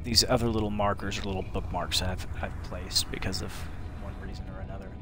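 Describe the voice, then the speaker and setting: A man's voice: deep voice, level tone, a little fast. A man with a slight lisp, giving casual, rambling commentary while playing a video game, full of ums and restarts. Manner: rambling and chatty, with many fillers and restarts. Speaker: gameplay commentator. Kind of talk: casual let's-play commentary. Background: game music.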